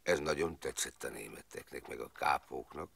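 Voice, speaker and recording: Film monologue: a rueful former footballer, very deep, gravelly, rambling in a dry close sound. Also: male voice, a bit bright, no room sound, exaggerated voice. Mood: rueful recollection. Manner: rambling storyteller, clauses strung on fillers. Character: rueful, plain-spoken man recalling wartime years. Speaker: former footballer telling his past.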